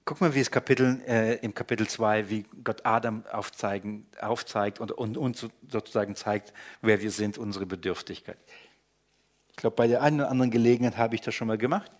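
German man preaching, quiet to loud. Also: fairly even intonation, a little fast. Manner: swings from low muttering to loud emphatic preaching. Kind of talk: sermon, Bible teaching.

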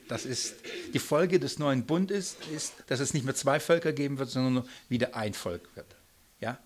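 A man preaching a sermon, reading scripture aloud with rising emphasis and asking his listeners questions. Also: medium pitch. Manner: engaged, asks the audience questions, reads aloud with rising emphasis.

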